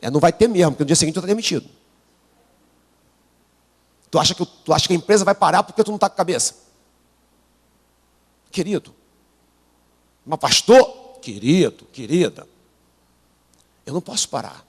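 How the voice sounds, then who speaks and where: A Brazilian pastor with a gravelly, husky voice, preaching live while unwell. His pitch leaps around, dropping to murmured asides and climbing to shouted peaks. He keeps prompting the congregation to answer, and long hall reverb surrounds every line. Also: expressive, moderate pace, pauses often. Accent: Brazilian Portuguese. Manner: call-and-response preaching, prompting the congregation to repeat; swings from low asides to shouted climaxes. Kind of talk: sermon. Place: church sanctuary.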